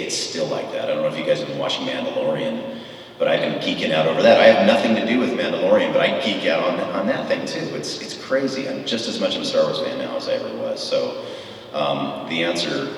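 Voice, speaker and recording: Recorded at a distance in a big, echoey convention hall with a bit of hiss or hum, a middle-aged man with a deep voice is a panel guest. He tells rambling, excited stories in a Q&A, stuffing them with fillers.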